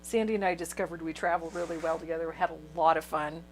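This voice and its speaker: A woman's voice: low-pitched, fairly even intonation, fast talker, slight background noise. A chatty woman who laughs easily, teaching a painting tutorial. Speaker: painting instructor.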